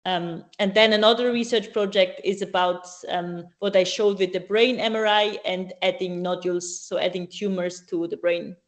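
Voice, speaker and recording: A woman's voice: on the low side, steady tone, normal speed, few pauses. Hesitant woman answering questions. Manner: hesitant, many ums and restarts. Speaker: speaker at a student AI event. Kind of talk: casual live Q&A answers.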